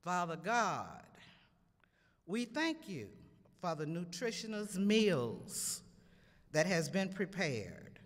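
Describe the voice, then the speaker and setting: Woman, solemn invocation, very slow, lively rising and falling pitch, long hall reverb. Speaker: invocation speaker. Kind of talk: public prayer. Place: banquet hall at a luncheon ceremony.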